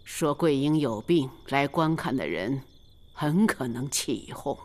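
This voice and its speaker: An actress playing a wise old grandmother, the head of a noble family, who gives calm, commanding instructions in a historical TV drama. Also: rumbling low, a little slow. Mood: calm instructing. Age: older. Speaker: family matriarch.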